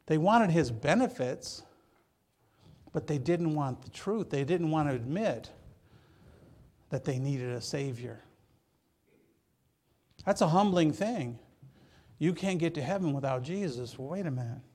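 In a slightly high, somewhat mellow voice with lively intonation, a Michigan pastor preaches a bit slowly and pauses often. He is conversational with the congregation, makes joking asides, and frequently repeats words at the start of phrases.

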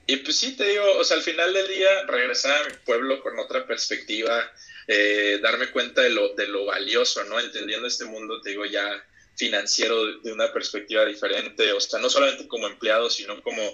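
A man with a Mexican Spanish accent chats casually as an interview guest, reflective and full of hesitations and restarts. His medium-pitched voice sounds sharp, and the recording has its highs cut off.

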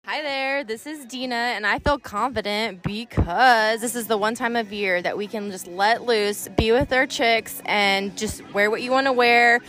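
A woman's voice: a little high, moderate pace, few pauses. A woman guest giving a casual interview answer at a pool party. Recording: faint music behind.

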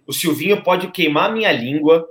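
A man's voice: a little high, animated, moderate pace, a bit bright, roomy sound. A man on a football podcast panel, arguing his point emphatically and repeating phrases for stress. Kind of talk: casual football debate.

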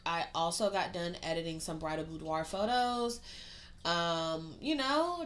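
A young woman co-hosting a podcast chats casually in a medium-pitched, fairly bright voice, swearing freely and using plenty of "um" and "like." She's getting over a cold.

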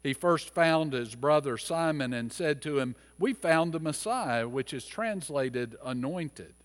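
A man, a pastor, reading scripture aloud and then preaching a sermon, measured in his reading and more animated when he explains the passage. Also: on the high side. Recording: long reverb of a church hall.

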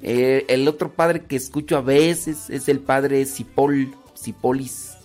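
A man's voice: medium pitch, steady tone, slow, a little mellow, soft background music. A man from Mexico with a rural ranchero Mexican accent, hosting a radio show in a casual, rambling way, full of fillers and restarts. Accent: Mexican, rural ranchero speech. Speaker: radio host. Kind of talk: casual radio talk to listeners.

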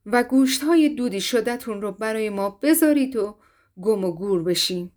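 A woman voicing a stern, commanding male Viking chief in a storybook reading, speaking low and firm. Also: lively intonation, darkish tone, natural voice.

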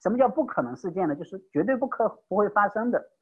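A man preaching an evangelistic sermon with passion, swinging between loud emphatic peaks and hushed low phrases. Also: expressive, rapid-fire, breathy edge, phone-quality sound.

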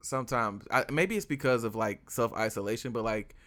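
A man hosting a podcast, chatting casually with informal slang and animated exclamations. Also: medium pitch, brisk. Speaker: podcast host.

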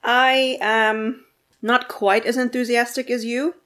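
A woman's voice: fairly high pitch, level tone, takes it slowly, a bit bright. A woman co-hosting a book podcast, chatting casually, laughing often, and reading a blurb aloud.

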